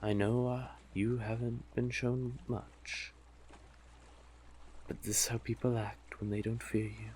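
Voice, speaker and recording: Here the man's voice is medium-pitched, flat and darkish, close to an everyday voice, with a little hiss or hum in the recording. He plays a doting, possessive, manipulative male sea witch, teasing and coaxing the listener tenderly and without hurry, calling them pet names.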